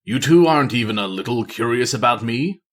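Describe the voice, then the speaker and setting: A man's voice: animated, brisk, close to an everyday voice. Man reading as a weary, wry spy master. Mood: coaxing. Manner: low, quiet, wry murmur. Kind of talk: audiobook-style character reading.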